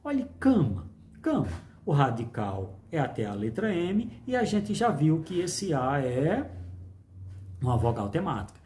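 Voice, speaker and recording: A man's voice: on the high side, sing-song, a little slow, darkish tone, a little hiss or hum. Male teacher for an online grammar lesson: upbeat, coaxing, voice that leaps around a lot. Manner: upbeat, coaxing, quizzes with rhetorical questions. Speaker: Portuguese teacher.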